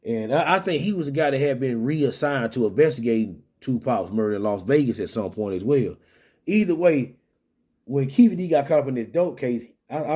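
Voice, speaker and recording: A man's voice: medium pitch, darkish tone. A man talking through a story in casual solo commentary, rambling with many restarts and fillers.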